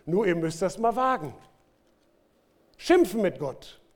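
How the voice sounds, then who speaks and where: Male pastor, slightly high voice, animated sermon delivery with big swings in volume. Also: slow pace. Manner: lively preaching with sudden loud bursts and quiet drops. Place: church.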